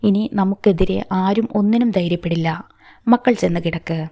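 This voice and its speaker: A woman's voice: mid-range voice, normal speed, vocal fry, dark tone, no room sound, clean studio sound. Give me a firm, protective middle-aged father, as a woman narrator reads him in an audiobook story. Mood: reassuring. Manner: firm, reassuring.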